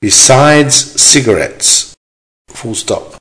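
Slow, deliberate man reading a dictation. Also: medium pitch, expressive, fairly bright tone, low-quality recording. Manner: deliberate, measured enunciation with pauses. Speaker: language teacher reading dictation. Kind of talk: slow dictation read aloud, each phrase repeated, punctuation spoken.

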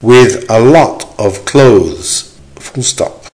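A man reading an English-lesson dictation aloud in short, deliberate, carefully measured phrases, repeating them and speaking the punctuation. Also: medium pitch, lively intonation, a little mellow. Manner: deliberate, measured enunciation with pauses. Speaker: language teacher reading dictation.

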